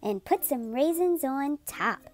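A woman serves as a storytelling host, reading a picture book aloud to children with expressive, playful emphasis and drawn-out words. Her voice sits high, and soft music plays in the background.

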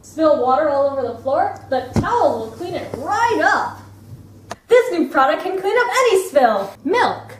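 A young woman playing a pushy, excitable infomercial pitchwoman in a parody ad. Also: unhurried. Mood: peppy salesmanship. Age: young adult. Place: office-like indoor room. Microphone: camera across the room. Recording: roomy indoor echo, background noise.

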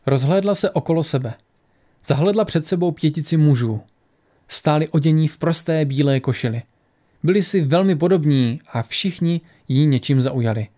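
A man narrating a fantasy audiobook in a steady storytelling manner. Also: on the high side.

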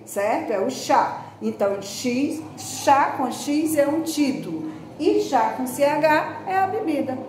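Brazilian woman teacher, high and unhurried, patient and repetitive with kids, recorded in a very echoey room with faint noise. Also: darkish tone. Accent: Brazilian Portuguese. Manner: patient, repeats words slowly and calls to pupils. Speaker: grammar teacher. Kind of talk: recorded grammar lesson for children.

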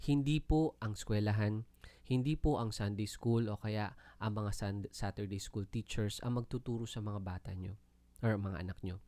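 Filipino-accented male Bible teacher, earnest and polite, lowish voice, dry close sound. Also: moderate pace, mellow, dry recording. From Philippines. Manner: earnest, polite, often uses "po" and "no?". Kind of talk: Bible teaching talk mixing Tagalog and English.

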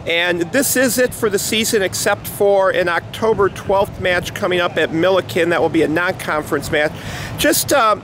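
Man, high voice, sports interviewer, hesitant with uhs, outdoors, traffic noise behind. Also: moderate pace. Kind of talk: postgame interview. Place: outdoors at tennis courts, off camera.

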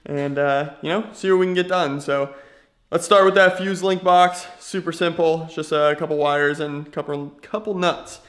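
A man's voice: fairly high pitch, fairly even intonation, moderate pace, fairly bright tone. A man casually vlogging a car build from his home garage, laid-back and slangy, thinking aloud with easy fillers. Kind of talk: casual chat to camera.

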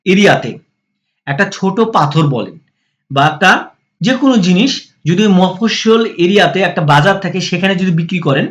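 A man with a Bangladeshi accent teaching a spoken English lesson, explaining step by step and saying example phrases slowly. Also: high voice, fairly bright tone.

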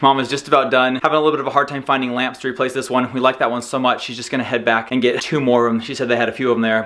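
Fast-talking American man, casual vlog chat. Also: mid-range voice, a bit bright. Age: 30s. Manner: informal, slangy, enthusiastic. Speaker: family vlogger, father. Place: indoors in a bedroom at home. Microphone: handheld camera at arm's length.

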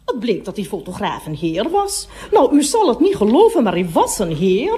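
A gossipy middle-aged toilet attendant chatters through a radio comedy monologue. Her voice sits a little high and swoops up and down with lively expression. She keeps breaking off to address passing customers. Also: moderate pace.

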